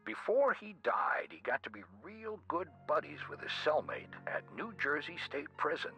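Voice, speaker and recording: Sex: man. Figure: a game police detective reporting on the phone. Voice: bright, forceful, lively rise and fall. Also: on the high side, normal speed, soft background music, exaggerated voice, rough recording. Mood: businesslike. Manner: matter-of-fact reporting. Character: businesslike male police detective.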